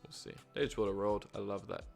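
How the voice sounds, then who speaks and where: A young man gives running commentary on his own online board game, swearing and talking to himself as the rolls go his way or not. His voice sits a little low with a gravelly fry, and faint music plays underneath. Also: quick pace. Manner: excitable, swearing, talks to himself. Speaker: streamer. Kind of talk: live gameplay commentary.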